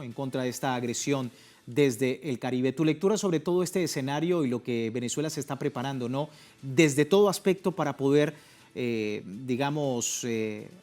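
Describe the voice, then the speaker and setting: A man's voice: medium pitch, a little mellow. A man presenting a news and interview programme as its host. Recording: music playing behind the voice. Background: music.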